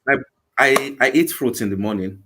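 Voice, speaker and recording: A man in his forties with a Nigerian English accent appears as a guest on a live video-call interview, speaking for a vegan campaign he organizes. His mid-range voice moves at a moderate pace, earnest and prone to repeating words, with background noise audible.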